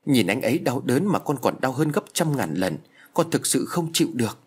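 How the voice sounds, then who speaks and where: A man voicing a frightened young woman who pleads tearfully, with a husky voice. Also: medium pitch, very animated, fairly quick. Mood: pleading.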